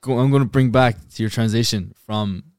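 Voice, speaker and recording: A man's voice: medium pitch, brisk, darkish tone, dry recording, studio quality. A young man with an Irish accent, chatting casually as a podcast co-host. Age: young adult. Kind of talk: casual chat.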